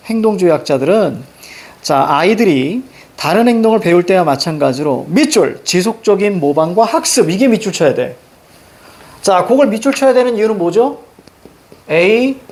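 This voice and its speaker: Lively middle-aged male teacher. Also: high voice. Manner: animated, directive, drills students on reading steps. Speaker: Korean reading teacher. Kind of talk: classroom lecture. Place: classroom with blackboard.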